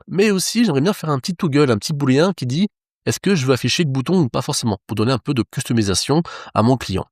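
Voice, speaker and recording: A man's voice: mid-range voice, animated, fast, slightly rough, dry recording, clean studio sound. A man teaching web development, explaining each step of a screen-recorded tutorial to his viewers.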